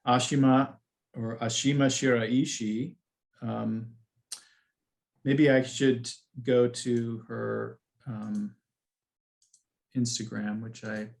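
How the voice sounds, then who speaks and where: A man's voice: medium pitch, creaky. A man hosting a podcast, talking in a loose, rambling way with many asides during a casual conversation. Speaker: podcast host.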